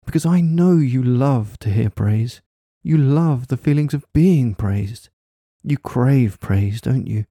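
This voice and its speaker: A man with a deeply mellow, relaxed voice of medium pitch murmurs right into your ear. He takes his time, coaxing and teasing in an intimate hypnosis ASMR style. The sound is close and dry, with no room around it. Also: slow pace, no room sound. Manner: coaxing, teasing, praising, with tag questions. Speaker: hypnosis audio performer. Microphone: close microphone, dry sound.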